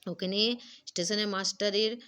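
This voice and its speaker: Woman narrator doing an old holy man, kindly, fatherly, gentle coaxing, mid pitch. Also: steady tone, moderate pace, clear, resonant tone, lightly acted.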